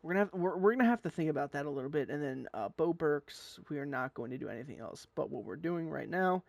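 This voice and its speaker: A man's voice: fairly high pitch, animated, fast, gravelly, darkish tone, no room sound. A young man giving casual, upbeat commentary on a football video game, rambling and sometimes stumbling over his words. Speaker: gaming YouTuber.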